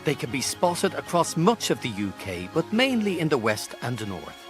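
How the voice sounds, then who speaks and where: A man's voice: mid-range voice, huge pitch swings, moderate pace. A man reading a scripted narration for a wildlife guide. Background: music.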